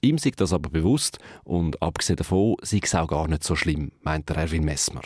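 A man's voice: extremely low pitch, expressive, brisk, darkish tone, husky, no room sound, clean studio sound. A man presenting a radio feature about dialect poetry in scripted narration.

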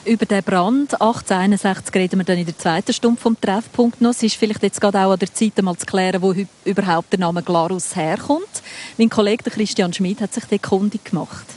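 A woman's voice: mid-range voice, brisk, a little mellow. A woman with a Swiss German accent hosting a live radio show while walking outdoors through a town, guiding listeners and leading into her guests. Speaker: radio host. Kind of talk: live radio walk-and-talk.

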